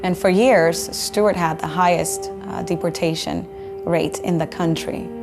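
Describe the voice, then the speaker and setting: A woman from the Dominican Republic speaks in a measured, earnest tone as an immigration attorney in a documentary interview. Her voice sits a little low, and a music bed plays clearly under her words. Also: fairly even intonation.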